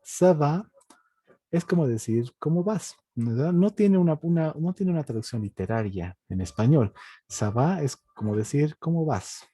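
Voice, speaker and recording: A male teacher with a very dark, mellow voice and a husky edge gives an online language lesson. He explains things patiently and repeats himself, often adding quick checks like "right?", and stretches out words slowly when he models pronunciation. His pitch moves in a lively way, and the recording sounds dry and close. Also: dry recording. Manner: patient, repetitive explaining with tag questions; slow, drawn-out model pronunciations. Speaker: French teacher.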